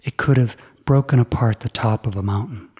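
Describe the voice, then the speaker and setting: A man voicing an admiring male monk who speaks in warm, wondering praise. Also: medium pitch, fairly quick, breathy edge, muffled recording, close to an everyday voice. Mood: awed.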